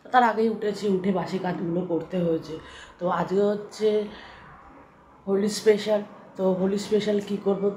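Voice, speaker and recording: A woman with a Bengali accent, chatting casually as she cooks in her home kitchen, keeping her voice soft and slow. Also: lowish voice. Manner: talks softly and slowly so as not to wake a sleeping child. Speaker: vlogger. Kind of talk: casual cooking vlog narration. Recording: noisy home recording.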